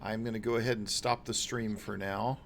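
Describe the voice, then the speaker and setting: A man's voice: on the low side, flat delivery, brisk, gravelly, fairly bright tone, a little hiss or hum. A man acting as game master, running a tabletop role-playing game.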